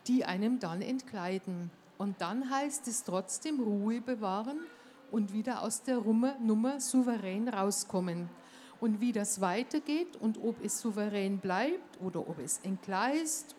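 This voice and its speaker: A woman's voice: on the high side, mellow, slight background noise. Woman host making emphatic appeals. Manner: emphatic, appealing directly to listeners. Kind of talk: enthusiastic spoken address.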